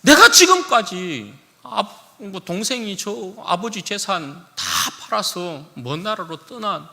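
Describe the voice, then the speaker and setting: A pastor acting out a resentful grown elder son who loudly reproaches his father, in a sermon. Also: high-pitched, expressive, slow, pitched above the performer's own voice, full character voice. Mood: indignant. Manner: indignant, loud and reproachful. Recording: echoey church hall.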